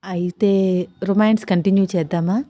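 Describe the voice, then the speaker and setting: Woman doing young man, teasing husband, coaxing, soft, storybook, dry. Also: medium pitch, fairly even intonation, normal speed, no room sound, natural voice.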